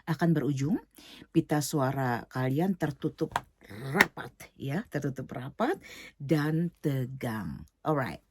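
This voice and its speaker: A middle-aged woman teaching an online singing lesson, explaining slowly with many fillers and English words mixed in. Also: low-pitched, lively intonation, heavy background noise.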